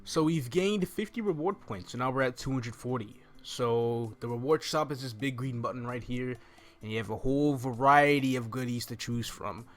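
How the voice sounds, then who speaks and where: At normal speed and medium pitch, the young adult host explains each step of the game casually. Recorded at home on a desk mic right by his mouth, the clip carries faint game music.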